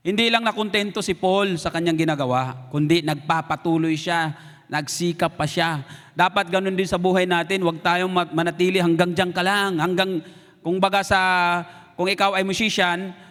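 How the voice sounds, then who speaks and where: A man's voice: sits high, moderate pace, in a large hall. A man with a Filipino accent preaching a sermon, telling personal stories and acting out what people said. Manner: storytelling, animated, acts out quoted lines. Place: church sanctuary.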